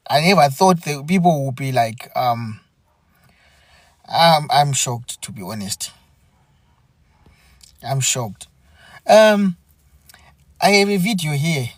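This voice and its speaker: A man hosting a live stream, speaking in an earnest, halting way and often repeating himself. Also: mid-range voice, dry recording. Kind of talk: unscripted live commentary.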